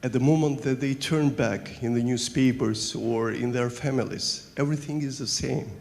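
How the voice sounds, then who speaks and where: A journalist in a conference audience, a man with a gravelly voice. He speaks haltingly and earnestly, searching for his words. His handheld mic echoes with a long hall reverb. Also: mid-range voice, darkish tone. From Albania. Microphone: handheld microphone.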